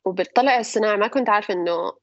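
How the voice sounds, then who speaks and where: A woman's voice: medium pitch, very fast, dry recording, lo-fi sound. A young woman with a Levantine Arabic accent, chatting casually about her own life and mixing English words and phrases into her Arabic. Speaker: interviewee, a mother telling her birth story. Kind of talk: casual personal storytelling.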